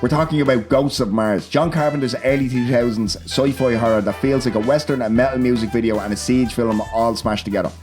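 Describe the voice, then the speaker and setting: A man's voice: mid-range voice, steady tone, a little fast, few pauses, a little mellow, faint music behind. A man with a Dublin Irish accent hosting a film podcast in an informal, sweary, chatty way. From Ireland. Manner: informal, sweary, often tagging on "do you know what I mean". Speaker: podcast host. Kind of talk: casual film discussion.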